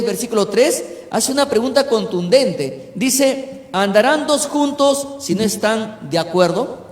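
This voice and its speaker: A man preaching as a pastor, teaching a congregation and often checking in with "¿no?". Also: high voice. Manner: preaching with frequent "¿no?" check-ins. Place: church hall. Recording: echoey church hall with long reverb.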